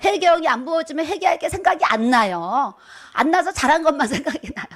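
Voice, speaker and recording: A woman's voice: high-pitched, lively intonation, quick pace, a bit bright. A woman, a pastor's wife, preaching a sermon and telling her own testimony in a dramatic storytelling manner, often quizzing her listeners.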